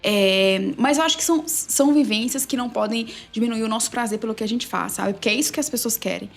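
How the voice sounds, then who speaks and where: A woman sports journalist and narrator, a guest telling a story with quick, emphatic energy in a casual interview. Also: on the high side, creaky, soft background music.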